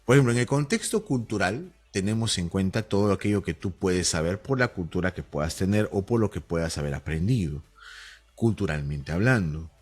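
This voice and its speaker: Man, Peruvian Spanish accent, teacher, online lecture, playful, lively intonation, low voice. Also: fairly quick, slightly rough. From Huánuco, Peru. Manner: animated, jokey, acts out slang dialogue.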